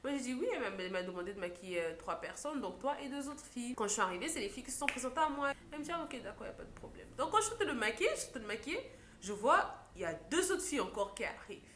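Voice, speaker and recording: A young woman, a makeup artist, telling a story in a lively vlog style and acting out what others said. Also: a little high, racing, a little hiss or hum. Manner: animated storytelling, acts out quotes. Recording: echoey room.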